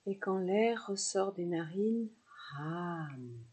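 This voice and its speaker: A woman's low-ish, mellow, husky voice guides a very slow relaxation meditation, with pauses left between instructions. She is expressive, and her soothing, unhurried delivery suits a yoga nidra class. The recording sounds muffled.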